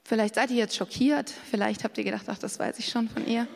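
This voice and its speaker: A woman's voice: fairly high pitch, fairly even intonation, fairly quick, vocal fry. A woman giving a candid, personal sermon, often acting out the voices she quotes. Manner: candid, self-revealing, acts out quoted voices. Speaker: preacher. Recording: long reverb of a hall.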